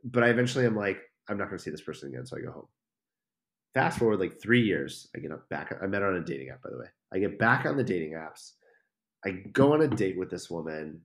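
A young man on a podcast tells a long story in a casual, low-pitched voice. He gets animated, swears freely and acts out what everyone said. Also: fast, gravelly. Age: young adult. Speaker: podcast guest.

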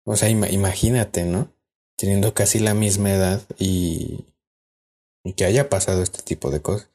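Mexican guy rambling through a creepy story on a podcast, low warm voice. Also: fairly even intonation, normal speed. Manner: rambling with many fillers and restarts. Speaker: podcast co-host. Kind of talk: casual storytelling.

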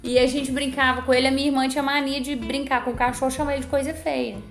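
Talkative brazilian woman, high voice, faint music in the back. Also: little pitch movement, fast, roomy sound. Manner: chatty, talkative. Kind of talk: casual chat.

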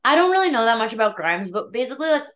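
A woman's voice: fairly high pitch, very animated, rapid-fire, a bit bright. A woman co-hosting a podcast in casual conversation, talking in informal, slangy phrases. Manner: informal, filler-heavy slang with frequent "like". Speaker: podcast co-host.

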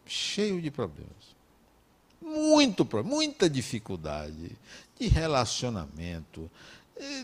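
A man with a Brazilian Portuguese accent giving a motivational talk with personal stories, emphatic and prone to repeating phrases and joking asides. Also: on the high side.

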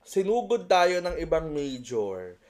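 Animated Filipino man telling teacher stories. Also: fairly high pitch, slow. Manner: animated, playful storytelling. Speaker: podcast co-host, teacher. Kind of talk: casual chat.

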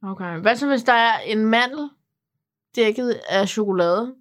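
A woman co-hosting a podcast in casual chat, teasing her co-host with playful questions. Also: on the high side.

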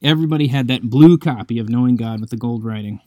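Brief: male devotional host, mid-pitched, thoughtful and unhurried, dry close sound, faint music underneath. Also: mellow, dry recording. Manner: reflective and conversational, with many pauses. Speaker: podcast host. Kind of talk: devotional talk and scripture reading.

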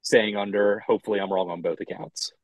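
Low-voiced man rambling over a phone line. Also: fairly even intonation, a little fast, dry recording. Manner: rambling, loose and profane. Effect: talking over a phone line. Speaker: co-host of a sports betting podcast. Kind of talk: casual chat. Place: inside a parked rental car.

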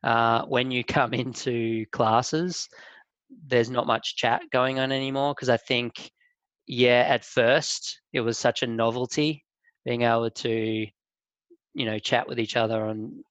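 A man who is a teacher, hosting a school podcast in a halting, rambling way. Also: mid-range voice, little pitch movement, a bit bright, clean tone, no room sound. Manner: rambling, halting, many fillers. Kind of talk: casual podcast talk. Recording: dull lo-fi dry sound.

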